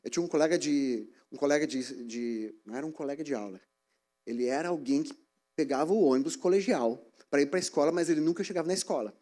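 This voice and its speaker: A man preaching a sermon in a church, telling stories in an animated way. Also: fairly high pitch, fast talker. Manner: animated storytelling, acting out scenes.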